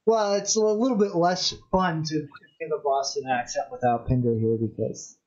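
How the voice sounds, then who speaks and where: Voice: mid-range voice, fairly even intonation, moderate pace, a little mellow. Cohost rambling and joking, midrange voice, kinda muffled lo-fi mic. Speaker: co-host. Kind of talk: casual group chat on a stream. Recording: dull lo-fi mic.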